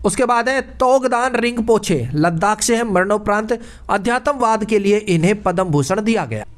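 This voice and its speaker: A man's voice: high-pitched, lively intonation, normal speed. A man teaching general knowledge for exams in a casual lesson, with playful puns and chatty repetition. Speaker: quiz teacher. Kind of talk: casual exam-prep lesson.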